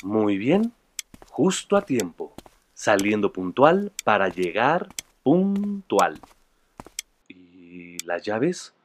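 A man's voice: lowish voice, sing-song, very slow, pauses often, slight background noise, heavily acted. An actor playing a frantic husband, stammering in a flustered rush as he hunts for his keys.

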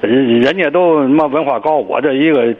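A man in his sixties with a Tianjin accent, calling a radio show and halting, stammering through a family complaint. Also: medium pitch, slight background noise. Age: 60s. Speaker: caller. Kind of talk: phone-in call. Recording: dull lo-fi call line.

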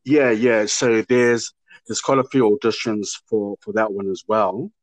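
A man, an actor answering interview questions in a halting way that often repeats words. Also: on the low side, flat delivery, dry recording. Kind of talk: casual interview chat.

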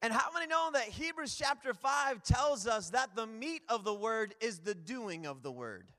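High-pitched, bright energetic preacher man. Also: normal speed. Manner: energetic, rambling, calls out to the crowd. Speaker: guest preacher. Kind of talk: lively church sermon. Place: church hall. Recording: long hall reverb.

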